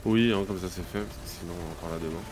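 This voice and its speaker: A man's voice: sits low, steady tone, quick pace, darkish tone, faint music behind. A man streaming a video game and chatting casually as he plays. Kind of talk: casual chat while gaming.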